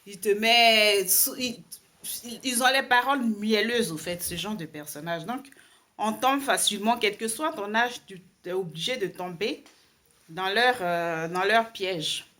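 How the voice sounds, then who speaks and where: A woman's voice: mid-range voice, measured pace, sharp tone. A young woman telling a story time to her viewers in a casual, wry, amused way, with many fillers and restarts. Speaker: vlogger.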